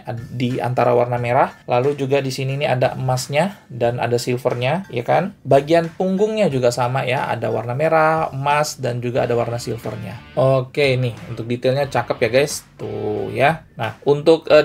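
A man's voice: medium pitch, creaky. A man, chatting casually as he reviews a collectible action figure and keeps saying guys and ya to his viewers. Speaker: toy reviewer.

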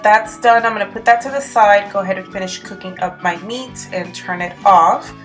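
A home cooking vlogger in her thirties speaks at medium pitch and a moderate pace, her tone a bit bright, with faint music behind her. She hosts a casual cook-along indoors, chatting informally and giving instructions in her kitchen and living room.

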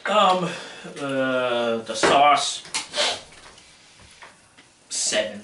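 A man's voice: mid-range voice, lively intonation, very slow. A man co-hosting a casual podcast, rambling through his ratings with many fillers and restarts, recorded at a table with friends. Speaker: podcast co-host rating wings. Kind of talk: casual chat. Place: small room at a table with others. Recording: roomy, distant, faint hiss.

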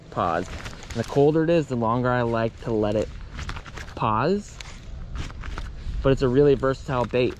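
A man on a boat explaining fishing lures in a relaxed, casual way, often saying "man", recorded on a body-worn action camera outdoors. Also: mid-range voice. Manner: laid-back, says "man" often. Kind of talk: casual outdoor how-to talk. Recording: outdoor camera audio with steady noise.

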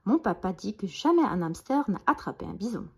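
A woman voicing a small, eager boy hamster who dreams of being a cowboy, speaking high and excited in a storybook. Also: a little fast, slightly rough, exaggerated voice. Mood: proud.

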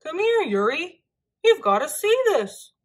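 A woman doing an excitable polar bear cub. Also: high-pitched, slow, voice pushed up, heavily acted. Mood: eager. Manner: excited, wide-eyed exclamations. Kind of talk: children's storybook read-aloud.

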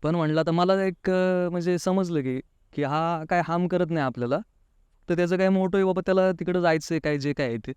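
His voice sits high and is darkish, clear and resonant, moving a little fast with no echo. The man, from Pune, is a chatty interview guest recounting his own experience, acting out quoted dialogue and repeatedly using the filler "नाही का".

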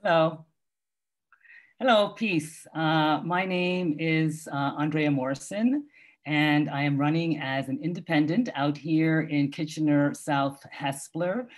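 A woman's voice: deep voice, takes it slowly. Hesitant, concerned middle-aged woman candidate. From Canada. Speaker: independent political candidate. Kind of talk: candidate introduction at a forum. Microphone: video call.

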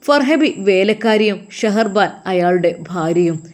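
A woman with a Malabar Malayalam accent, narrating a dramatic story in an expressive way. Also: mid-range voice, unhurried.

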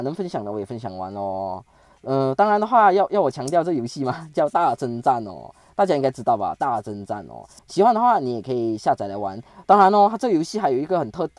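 A man giving chatty, excitable commentary over a strategy game he is playing, stumbling and restarting as he talks. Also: medium pitch, no echo. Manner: chatty, excitable, with frequent sentence-final particles and stammered restarts. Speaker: game channel host. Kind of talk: casual gameplay commentary.

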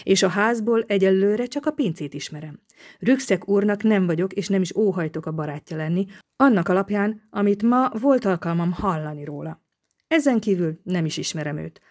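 A woman's voice: mid-range voice, lively intonation, a little mellow, natural voice. A woman reading an audiobook, voicing a stubborn male writer who speaks coolly and sounds offended. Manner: cool, offended.

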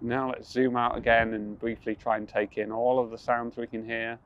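A young man leading a guided mindfulness practice outdoors on a rooftop, speaking calmly, slowly and gently, with soft restarts. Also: medium pitch, lo-fi sound. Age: young adult. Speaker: mindfulness instructor.

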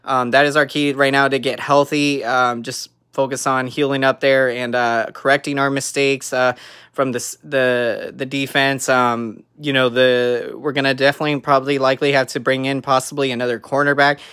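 A man's voice: medium pitch, little pitch movement, normal speed, a bit bright, clear, resonant tone, no echo, studio quality. A man in his thirties, a sports fan vlogging an emphatic, earnest post-game recap to a phone at arm's length in a room at home.

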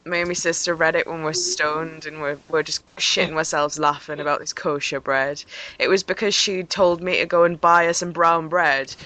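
A woman's voice: sits low, steady tone, moderate pace, sharp tone, slight background noise, low-quality recording. A woman in a casual online group call, rambling through funny stories and giggling.

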